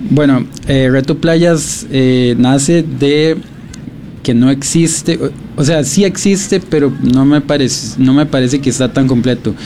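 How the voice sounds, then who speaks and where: A Costa Rican man being interviewed about his beach project, speaking thoughtfully with many pauses and restarts. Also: mid-range voice, mellow, slight background noise. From Costa Rica. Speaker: guest, beach documentary project creator. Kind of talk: radio interview, casual.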